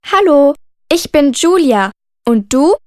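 A woman plays a friendly schoolgirl in a language-course listening dialogue. The voice sits high and the lines come slowly and with clear articulation. It is a dry, close studio recording. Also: animated, dry recording. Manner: slow, careful, clearly spoken.

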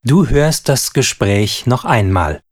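A man narrates a language-course listening test. He reads very slowly and deliberately, with a lively, clear intonation. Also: mid-range voice. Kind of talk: instructional narration.

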